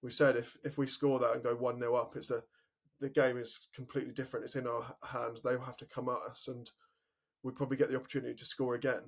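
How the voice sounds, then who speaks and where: A man's voice: medium pitch, little pitch movement, fast, gravelly. A man co-hosting a football podcast, chatting casually as he recounts match moments with frequent fillers. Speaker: podcast co-host.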